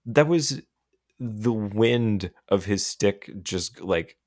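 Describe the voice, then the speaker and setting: A man co-hosting a hockey show in casual chat, telling stories in an animated way and acting out his reactions. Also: fairly low pitch, very slow, dry recording, studio quality. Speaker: co-host of a hockey talk show.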